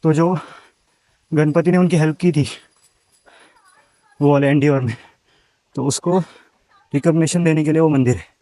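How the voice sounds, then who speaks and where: A man's voice: fairly high pitch, fairly even intonation, moderate pace, pauses often, mellow, no room sound. A man chatting as a travel vlogger while he walks outdoors among rocks and a temple, mixing English words into his talk. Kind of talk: casual walking travel vlog. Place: outdoors at caves and a hillside temple.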